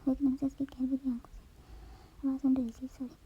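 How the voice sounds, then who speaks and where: A woman tells a romance story in a whispered role-play, her voice breathy and pitched high. She reads quickly, and her pitch stays fairly level. The recording sounds a little dull and lo-fi. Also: level tone, warm tone. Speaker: novel reader.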